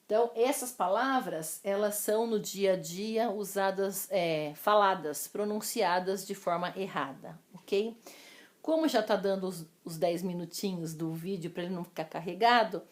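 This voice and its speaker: A Brazilian woman teacher giving a recorded lesson, drawing out each example word slowly and calling her students "amores". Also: medium pitch. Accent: Brazilian Portuguese. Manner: slow, drawn-out pronunciation of example words; affectionate, addresses students as "amores".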